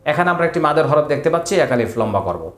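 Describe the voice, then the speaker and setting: A man teaching Quran recitation. He spells out letters and vowel marks slowly, chants the verses, then explains the rules in quick asides. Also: fairly high pitch, very animated. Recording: echoey room.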